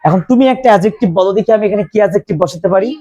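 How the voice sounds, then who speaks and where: A man teaching English grammar to a classroom of students, slowly repeating questions for the class to answer. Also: sits high, mellow.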